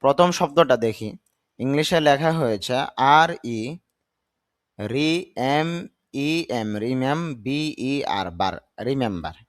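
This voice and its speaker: A man whose first language is Bengali, teaching English pronunciation, spelling words out slowly and repeating each sound. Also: mid-range voice, fairly bright tone. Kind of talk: pronunciation lesson.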